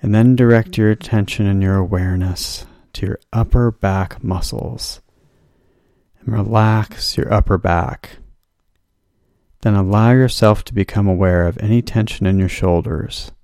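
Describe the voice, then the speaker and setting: Slow, gravelly man guiding relaxation. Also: on the low side, steady tone, darkish tone, no room sound, studio quality. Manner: slow, soothing, drawn-out instructions. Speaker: relaxation guide. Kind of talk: guided progressive muscle relaxation.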